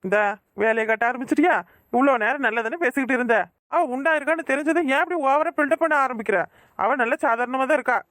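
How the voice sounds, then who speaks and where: A performer voicing a blunt, scolding older village uncle in a Tamil cartoon, with a Tirunelveli accent. The voice is pitched high and sounds dry and close. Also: fast, a bit bright, no echo. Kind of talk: cartoon voice acting.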